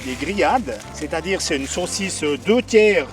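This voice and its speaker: A man's voice: fairly high pitch, expressive, measured pace, distant mic. A middle-aged man with a Fribourg Swiss French accent, explaining his butcher's products in an interview, hesitant and repeating words. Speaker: artisan butcher, guest.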